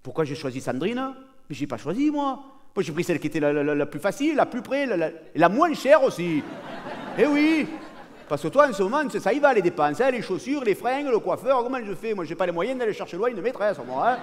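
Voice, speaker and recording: A comedian acting out a brash, boastful cheating husband, talking cockily and excitably to a partner who is never heard. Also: male voice, sits high, brisk, slight background noise. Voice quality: cocky, excitable, talks over an unheard partner. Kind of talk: live stand-up character monologue.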